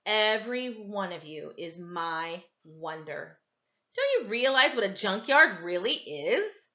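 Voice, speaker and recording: Storybook schoolteacher, played by a woman reader: kindly, encouraging, bright and animated, slightly dull recording. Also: mid-range voice, takes it slowly, heavily acted. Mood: tender, wistful. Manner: tender, wistful, emphatic.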